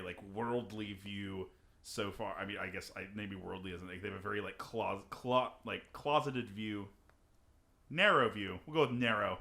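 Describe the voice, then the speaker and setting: A man's voice: fairly low pitch, pushed and bright. A young man co-hosting a podcast in casual chat, rambling and hunting for the right words. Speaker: podcast co-host.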